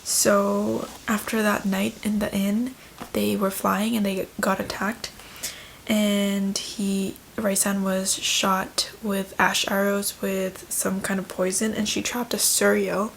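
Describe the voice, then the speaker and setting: A woman's voice: medium pitch, completely flat delivery, slow pace, creaky, a little hiss or hum, rough recording. A young woman vlogging casually about her reading, chatty and gushing in her reactions. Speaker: book vlogger. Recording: music playing under the voice.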